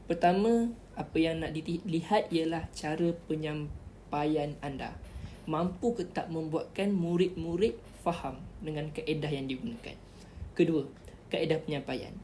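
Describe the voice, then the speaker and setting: A woman's voice: deep voice, a little slow, warm tone, a little hiss or hum. A woman giving chatty, instructive tips in a casual tutorial vlog, repeating key words as she explains. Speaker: vlogger giving interview tips.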